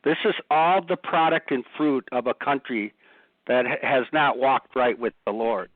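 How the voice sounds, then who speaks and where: A man's voice: medium pitch, measured pace, no echo. A man co-hosting a ministry radio show, blunt and rising to fervent emphasis. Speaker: ministry co-host. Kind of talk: impassioned radio commentary. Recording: dry, phone-like lo-fi line.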